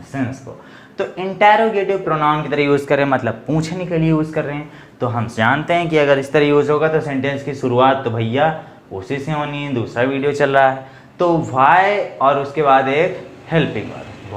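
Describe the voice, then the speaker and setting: A man's voice: on the high side, a little hiss or hum. Casual man teaching English grammar, echoey room. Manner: explains casually, reads English examples slowly and translates them; chatty, addresses viewers as bhai and bhaiya. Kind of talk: classroom-style grammar lesson.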